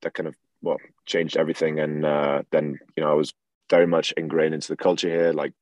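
A young man from England with an extremely deep, low voice talks in an even, flat tone. He rambles easily through a casual interview, full of "um" and "you know". The sound is dry and close. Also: a little fast, no echo, low-quality recording. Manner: relaxed, rambling with many fillers. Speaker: guest, clothing brand founder.

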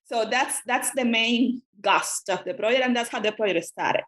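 A woman's voice: fairly high pitch, moderate pace, fairly bright tone. A woman who grew up in Cuba and speaks Spanish natively, answering as a guest scholar in an academic interview, thoughtful and often restarting her sentences.

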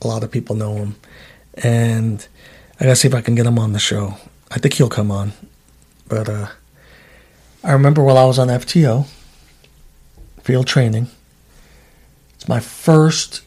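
A man hosting a podcast, a former state trooper telling work stories in a casual, animated way and acting out the people in them. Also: mid-range voice, measured pace, long pauses, slightly rough. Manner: animated, acts out voices in his stories. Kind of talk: casual storytelling chat.

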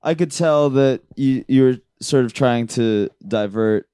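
A man co-hosting a podcast in casual chat, rambling with deadpan jokes. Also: mid-range voice, a little slow, smooth, no room sound, clean studio sound. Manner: rambling, deadpan joking, frequent fillers. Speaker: podcast co-host.

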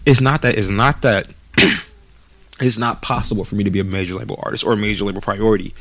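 In a casual podcast chat, a man in his late twenties, a co-host and aspiring rapper, talks in slangy, profane language and often repeats words as he thinks. His lowish voice is steady, fairly bright, and a little fast, with no room sound.

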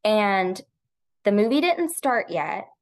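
A woman in her thirties, a guest on an interview podcast, tells a long personal story in her own words. She speaks reflectively, often restarting her sentences and filling pauses with "um." Her voice sits at an ordinary pitch for a woman. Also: big pitch swings. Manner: reflective, with frequent restarts and filler "um"s.

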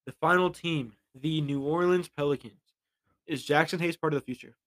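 A man's voice: fairly high pitch, moderate pace, fairly bright tone, no room sound. A young man co-hosting a casual sports podcast, reading listener questions aloud and sometimes stumbling over the words. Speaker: podcast co-host.

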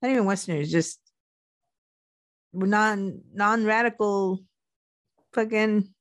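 A woman's voice: medium pitch, slow pace, dry recording, clean studio sound. A woman co-hosting a podcast, telling a true crime story in a loose, chatty way with some swearing. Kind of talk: casual true crime narration.

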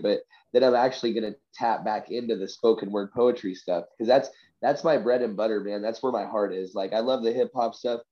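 A sick podcast guest from Vancouver, a hobby rapper and poet, chats casually and tells personal stories through a stuffy, congested nose from a covid cold. He's slangy, full of bro, dude and you know. His voice is fairly low, with the highs cut off.

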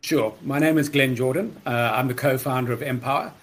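A man being interviewed as a company co-founder, explaining things in a measured, businesslike way, with a slight frog in his throat. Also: medium pitch. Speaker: guest, startup co-founder. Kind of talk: podcast interview answers.

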